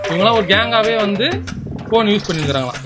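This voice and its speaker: Fast stern adult telling kids off in a prank, fires questions nonstop, mid pitch. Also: lively intonation, over loud music. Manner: stern, scolding, rapid questioning. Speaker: prankster posing as an official scolding children. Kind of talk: staged prank scolding.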